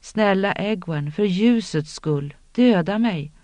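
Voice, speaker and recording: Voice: mid-range voice, lively intonation, a little mellow, no room sound, close to an everyday voice. A narrator voicing Rand, begging desperately. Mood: pleading. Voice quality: pleading, strained. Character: desperate young man begging for mercy. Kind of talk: audiobook character reading.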